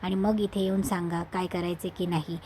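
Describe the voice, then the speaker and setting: A woman's voice: lowish voice, level tone, normal speed, mellow, a little hiss or hum, close to an everyday voice. A woman reading a stern irritable police inspector. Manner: curt, ordering, exasperated.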